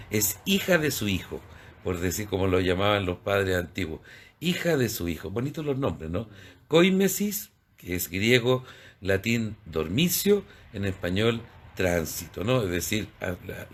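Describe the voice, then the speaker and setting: Priest running a church show, low voice, teacherly, greets folks watching. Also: male voice. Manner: explanatory, spells out terms, asks rhetorical questions. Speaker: priest hosting a church program.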